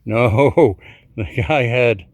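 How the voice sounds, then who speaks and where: A chatty man walks through his garage projects in a relaxed, self-mocking way. His voice sits at an ordinary middle pitch. The recording is close and dry, with no room sound. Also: extremely slow, no echo. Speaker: garage vlog host. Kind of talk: casual workshop walkthrough.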